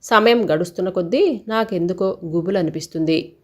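A woman reading a scripted first-person story in a steady, even storytelling delivery. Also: fairly low pitch, moderate pace.

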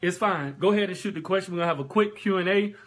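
A man's voice: high-pitched, rapid-fire, a bit bright. A man co-hosting a faith-based marriage talk, joking and sarcastic. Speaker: co-host of a marriage show.

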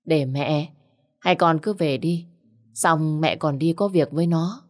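A woman's voice: sits low, slow. A woman reader voicing a worried, grieving elderly mother who blames herself. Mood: sad. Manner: mournful, self-blaming.

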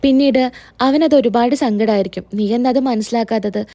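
A woman voicing a gentle middle-aged mother who soothes and reasons with her upset daughter. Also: a little high, a little fast, no echo, natural voice. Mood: reasoning.

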